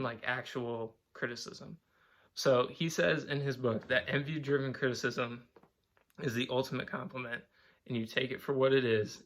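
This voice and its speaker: Young dude vlogging from his place, sharp bright voice, lots of like and swearing, just rambling. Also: mid-range voice. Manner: rambling, profane, filler-heavy with "like". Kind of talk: casual vlog monologue.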